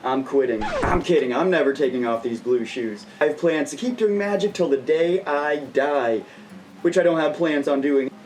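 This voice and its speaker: A man's voice: on the high side, moderate pace, darkish tone, distant mic. A man in his late twenties talking to camera like a kids' party magician, with playful, exaggerated showmanship. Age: late 20s. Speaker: magician and video host.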